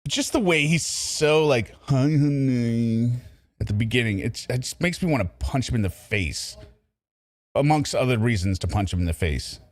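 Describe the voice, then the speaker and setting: A man's voice: fairly low pitch, animated, a little fast. Sarcastic man hosting a commentary. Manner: sarcastic, scornful asides. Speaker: commentary channel host. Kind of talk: casual mocking commentary.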